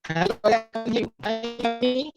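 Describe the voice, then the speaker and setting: A man's voice: very high voice, takes it slowly, lo-fi sound, music in the background. A man joining a webinar by video call, his audio choppy and breaking up as he speaks in short, hesitant replies. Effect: choppy internet call audio breaking up. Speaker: webinar attendee asking a question.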